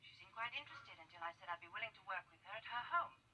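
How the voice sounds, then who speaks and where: An actress playing an earnest, worried young history teacher in 1960s television drama, with a prim, precise manner. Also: female voice, mid-range voice, expressive, rapid-fire, bright, forceful tone. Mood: troubled. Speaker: schoolteacher. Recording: distant old TV audio with faint hiss.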